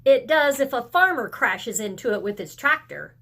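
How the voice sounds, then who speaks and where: A woman voicing a schoolchild who casually recounts a chaotic field trip in a picture book read-aloud, drawn-out and matter-of-fact. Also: fairly high pitch, very animated, bright, forceful tone, a little hiss or hum, heavily acted.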